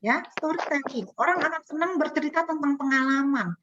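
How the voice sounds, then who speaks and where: A woman with an Indonesian accent coaching a group online, asking them questions in a lively teacherly way. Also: high voice, fairly quick, background noise. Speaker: communication coach. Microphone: video call. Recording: dull lo-fi video call audio.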